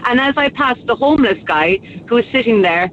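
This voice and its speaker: Calling in to a radio phone-in, an Irish woman from County Kerry speaks with a southwestern Kerry accent, emphatic, forthright and indignant. Her voice is on the high side and a bit bright, fairly quick with lively intonation. The telephone line sounds dull, with faint noise.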